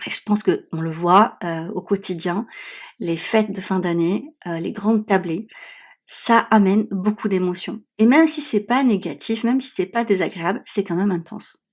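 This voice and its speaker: A woman's voice: mid-range voice, normal speed. A woman podcast host talking reflectively and conversationally, with a small, stuffy-nosed voice affected by swollen tonsils. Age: adult, has children. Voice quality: congested, slightly nasal small voice. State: sore throat, swollen tonsils, blocked stuffy nose. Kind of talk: conversational solo podcast monologue. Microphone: newly bought podcast microphone.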